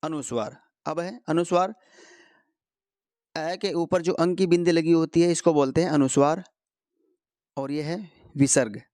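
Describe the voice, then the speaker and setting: Guy teaching hindi grammar, kinda high voice, asks a question then answers it himself, dead dry sound. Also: fairly even intonation, darkish tone, dry recording. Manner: slow, repeats key answers, asks and answers his own questions. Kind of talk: explanatory lesson for competitive exam students.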